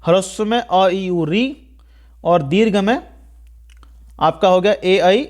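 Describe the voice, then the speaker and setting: A man's voice: sits high, slow. A man giving a step-by-step Hindi grammar video lecture, who often checks in with the class and repeats key points. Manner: explains step by step, keeps asking "ठीक है" and repeating points. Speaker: teacher.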